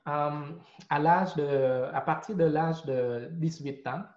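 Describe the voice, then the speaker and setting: A Cambodian man in his forties, a Khmer speaker, tells his faith testimony hesitantly, with many fillers and repeated words. His voice is fairly high with a darkish tone, and he takes his time. The recording is roomy, with a dull lo-fi sound.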